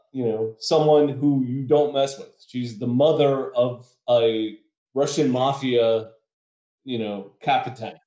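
A man's voice: medium pitch, a little mellow. Man ranting in an echoey room. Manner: opinionated, ranting. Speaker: podcast co-host. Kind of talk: casual podcast chat. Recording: roomy echo.

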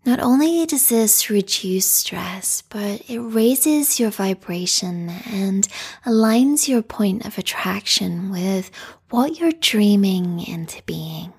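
A woman guides a meditation in a calm, meditative tone. Her voice is soft and whispery, full of breath. She speaks extremely slowly and soothingly, at a medium pitch. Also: gravelly, breathy edge.

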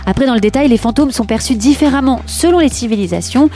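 A woman's voice: fairly high pitch, fast talker, mellow. A woman presenter delivering scripted explanatory narration.

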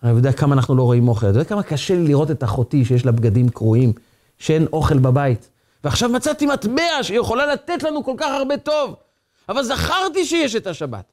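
A man's voice: medium pitch, warm tone, lightly acted. A man voicing a poor, earnest young boy who pleads in heartbreak as he tells a story. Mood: anguished.

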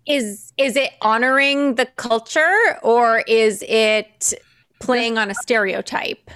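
A woman in a casual panel discussion, animated and emphatic, laughing often as she speaks. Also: on the high side, slow, smooth.

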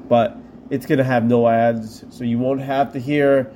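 A man's voice: medium pitch, level tone, a little slow, dark tone, slight background noise. Joking man co-hosting a podcast. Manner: playful, joking and rambling. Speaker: podcast co-host. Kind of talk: casual chat.

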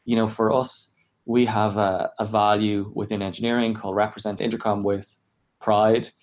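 A man with a fairly low pitch and flat delivery talks at a moderate pace in a muffled recording. Drawing on his work as an engineering leader, he gives conversational interview answers, explaining emphatically with lots of "like" and rhetorical self-questioning.

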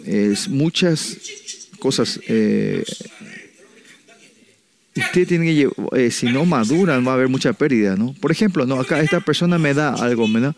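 This sermon comes from a pastor whose voice sits at a normal middle pitch for a man. His delivery is halting, with frequent restarts, and he tacks a questioning "no?" onto almost every thought to engage his listeners.

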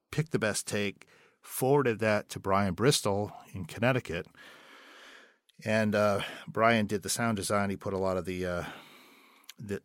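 A man with a deep, fairly bright voice is interviewed as a guest about producing an audio drama, speaking in a rambling, hesitant way. The recording is dry and studio quality.

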